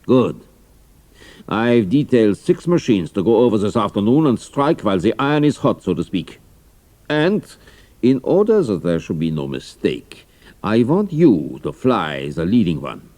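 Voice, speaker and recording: An actor playing a pompous German count and military commander in an audio drama, with a gravelly voice and formal, deliberate delivery. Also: male voice, fairly low pitch, sing-song, darkish tone. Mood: commanding, pompous.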